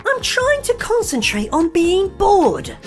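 A bossy, know-it-all young girl, voiced by a woman in a children's audio story. She talks slowly and high, her pitch leaping about, with soft music behind. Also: wildly swooping pitch, exaggerated voice. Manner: bossy, dismissive.

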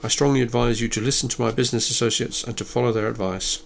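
A man voicing a well-educated businessman who speaks in a formal, clipped, quick way. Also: medium pitch, steady tone, gravelly, natural voice. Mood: coldly firm. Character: polished, well-educated businessman, cold and firm.

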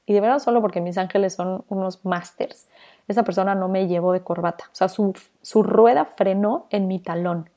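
A young adult woman, hosting a podcast and telling a personal story, lively and acting out the people in it. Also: medium pitch. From Mexico. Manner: animated, acts out the people in her stories. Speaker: podcast host.

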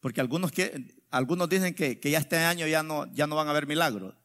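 A man preaching a sermon as pastor, drawing out quoted verses slowly and swinging between loud exclamations and quiet asides. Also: a little high.

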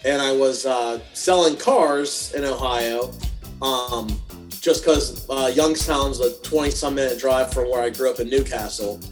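A man's voice: mid-range voice, measured pace, soft background music. A man from western Pennsylvania, a wedding videographer, telling stories with dry, self-deprecating humor in a casual interview. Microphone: video call.

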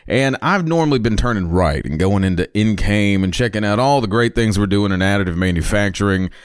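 Playful podcast host guy, deep-ish voice, bouncy swoopy delivery, dry close sound. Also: no room sound. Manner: playful and jokey, hamming it up. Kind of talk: casual podcast chat.

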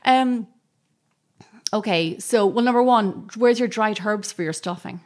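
A woman co-hosting a casual baking chat, relaxed, with many fillers and restarts, and giving firm kitchen advice with confidence. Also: medium pitch, measured pace. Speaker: baking show co-host.

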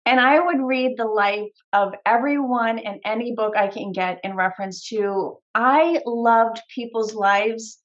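A woman on a podcast shares personal stories in an earnest, heartfelt way, pausing on small fillers. Her voice sits a little high. The audio sounds slightly dull and lo-fi. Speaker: podcast guest. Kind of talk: conversational interview answers.

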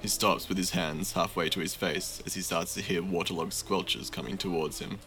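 A man narrating a tabletop fantasy game as game master, in slow, measured, vivid storytelling. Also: low-pitched, steady tone, bright, forceful tone, slight background noise.

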